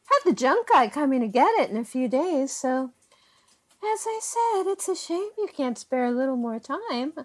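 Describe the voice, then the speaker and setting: In a naturalistic audio drama, a woman plays a chatty, welcoming small-town host who is effusive, folksy and coaxing. Her high voice moves at a moderate pace with big swings in pitch.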